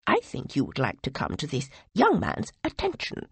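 A man voicing a small, scheming skull god who flatters and tempts, in a high, breathy, creaky voice. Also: moderate pace, no echo, full character voice. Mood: wheedling. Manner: wheedling, tempting.

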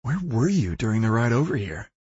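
A man's voice: mid-range voice, very animated, brisk, a little mellow, husky, no room sound, pitched above the performer's own voice. A man voicing a blunt, sarcastic woman. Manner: curt, sarcastic. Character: blunt, sarcastic woman flight crew member. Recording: dull lo-fi recording.

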